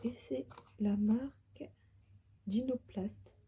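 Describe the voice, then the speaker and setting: A tired woman whispering softly through a casual beauty unboxing vlog from the floor of her bedroom. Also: on the high side, slow pace, slight background noise. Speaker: beauty vlogger.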